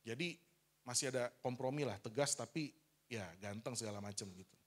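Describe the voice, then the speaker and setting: A man's voice: medium pitch, fairly quick. Man preaching a candid sermon. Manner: candid storytelling, acting out dialogue with his father; addresses the congregation as "saudara". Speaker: pastor.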